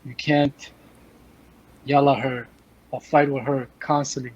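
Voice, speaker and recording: A man in his thirties from Afghanistan, a podcast guest, speaks in a direct, measured way and repeats phrases for emphasis. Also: mid-range voice, little pitch movement, darkish tone, dull audio, a little hiss or hum. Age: 30s. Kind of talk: casual chat.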